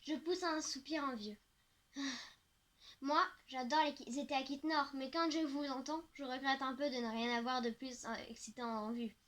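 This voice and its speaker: A woman's voice: high voice, fairly even intonation, normal speed, a bit bright. A woman reading a teen novel aloud in the first person, wistful and reflective. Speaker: audiobook narrator.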